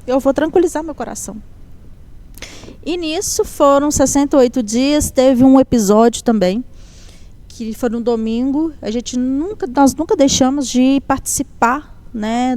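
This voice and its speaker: A woman giving a heartfelt personal testimony in a conversation, telling her story in a lively way and acting out the dialogue. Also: sits high, normal speed.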